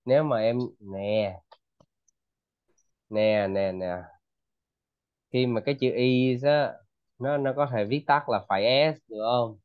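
Slow-spoken Vietnamese male English tutor. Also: mid-range voice, smooth, dry recording, narrow, tinny audio. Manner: patient, repeats words slowly for the student. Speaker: English teacher.

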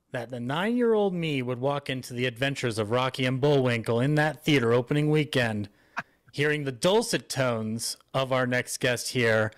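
A podcast host in his thirties introduces and interviews a guest at an online event, chatting enthusiastically and in an effusive, rambling way. He is on a video call in an indoor room at home, using a close desk microphone with a headset. His voice is mid-range and the recording dry.

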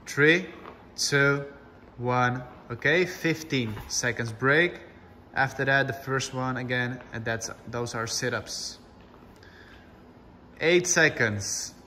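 Bright-voiced, unhurried male workout instructor. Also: mid-range voice, long reverb tail, slight background noise. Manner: encouraging, short commanding cues. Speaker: fitness class instructor. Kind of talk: instructing a home workout class with cues and countdowns.

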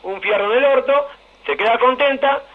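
A man's voice: very high-pitched, moderate pace, phone-quality sound, a crowd in the background. A man with an Argentine accent making crude, boastful threats.

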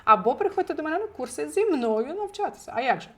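A woman's voice: high voice, fast. Chatty woman teaching a language lesson. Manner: lively, chatty, addresses viewers directly. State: recovering from illness, clears throat. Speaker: Italian teacher. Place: home, indoors.

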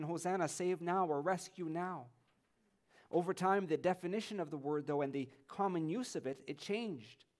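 Male pastor, sermon, earnest preaching, slightly high voice, church service. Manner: earnest preaching, rising on quoted praise. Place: church sanctuary.

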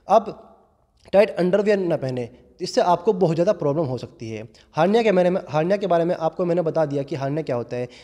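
In a large indoor gym, a gym owner in his twenties sincerely walks viewers through fitness as if they were friends. His voice is mellow and on the high side. He speaks into a clip-on lapel mic held in his hand, with long hall reverb around him.

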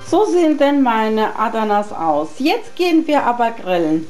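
A woman's voice: a little high, sing-song, a little slow, a little mellow, soft background music. A woman in her thirties with a Turkish accent, chatting through a home cooking vlog and explaining each step as she goes. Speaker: cooking channel host. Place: home kitchen and garden barbecue.

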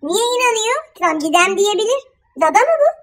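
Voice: extremely high pitch, expressive, a bit bright, heavily acted. A performer playing a gossipy elderly village auntie, quarrelling with a neighbour on the phone in a comedy sketch. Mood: bickering gossip. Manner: scolding, quarrelsome, rapid gossiping. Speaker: comic character. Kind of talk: one-sided phone call comedy sketch.

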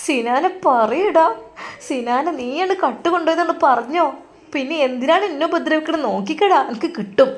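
A woman voicing a distressed older mother who pleads in a shrill voice. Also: moderate pace, a little mellow, natural voice. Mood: pleading.

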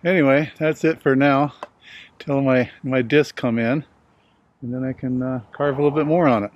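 The medium-pitched voice of a sixty-something man comes across in a steady tone at a moderate pace, though the recording is muffled. As an amateur filming himself outdoors in a suburban front yard, he chats plainly to camera with self-deprecating humor. A camera mic at varying distance picks up clear outdoor ambient noise.

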